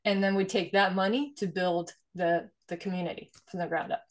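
A woman in her forties, originally from Sweden, speaks in a somewhat low voice. She explains things earnestly and conversationally, often tagging her points with "right?". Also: steady tone, a little fast. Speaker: guest, investor and nonprofit founder. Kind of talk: conversational interview.

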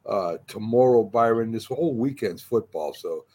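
A man hosting a casual sports talk show, speaking in a halting, conversational way and steering the talk. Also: lowish voice, expressive, dark tone. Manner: conversational, halting, leads the talk and hands it to others.

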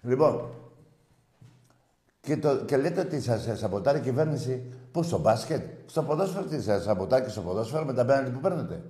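A man in a profane, mocking rant at a rival football club's fans, swinging between loud shouts and low jeers. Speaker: football fan ranting. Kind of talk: profane monologue. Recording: roomy echo.

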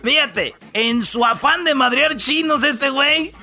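A man's voice: extremely high pitch, a little slow, bright, forceful tone, soft background music. Rowdy Mexican male radio host. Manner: rowdy, joking, slangy storytelling with put-on voices. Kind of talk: comedic radio banter.

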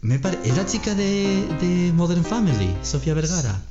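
Brief male quiz host, patient explainer, lively animated pitch. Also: dull audio, music in the background. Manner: reads options slowly, explains grammar patiently, laughs often. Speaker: podcast co-host running a quiz. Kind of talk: slow, clear Spanish-lesson quiz chat.

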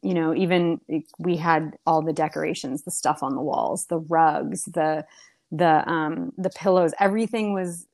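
A young woman with a fairly low voice talks casually. She rambles, circling back on her own sentences and leaning on fillers as she reminisces. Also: steady tone, moderate pace, darkish tone. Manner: rambling, many fillers and restarts. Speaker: podcast guest. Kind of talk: casual conversational storytelling.

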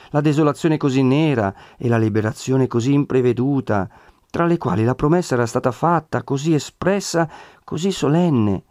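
A man with an Italian accent reading a classic novel aloud in steady, measured narration. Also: mid-range voice, no echo, clean studio sound. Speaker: audiobook narrator. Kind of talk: scripted narration.

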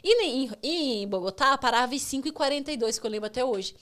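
A woman in her thirties with a Brazilian Portuguese accent, a former tennis player telling stories as a podcast guest, animated and acting out dialogue. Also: high voice, fast talker. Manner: animated, laughs often, acts out dialogue. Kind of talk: casual storytelling chat.

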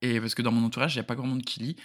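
A man's voice: mid-range voice, steady tone, rapid-fire. A man in a casual podcast chat, speaking informally with slang and a joking way. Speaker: podcast guest, book YouTuber.

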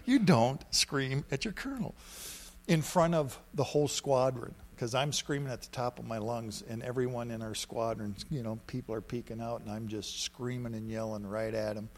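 A middle-aged male pastor delivering a sermon in an animated, storytelling way. He punches key words loudly, then drops into quiet, confiding asides. His voice sits at an ordinary pitch. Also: normal speed.

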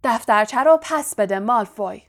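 A woman's voice: a little high, expressive, lightly acted. A woman voicing a bossy teenage boy prefect who gives stern, commanding orders.

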